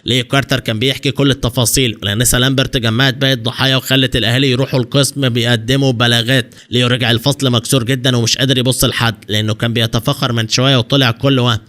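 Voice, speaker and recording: Male narrator with an Egyptian accent for a fast scripted anime recap. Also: mid-range voice, a bit bright. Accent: Egyptian Arabic. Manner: rapid storytelling.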